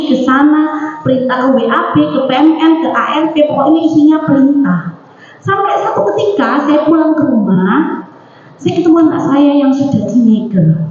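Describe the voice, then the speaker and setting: A woman's voice: on the high side, darkish tone. A middle-aged woman giving a motivational talk to an audience, telling stories and acting out the dialogue. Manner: storytelling that acts out quoted dialogue. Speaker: speaker addressing an audience. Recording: echoey hall, dull lo-fi sound.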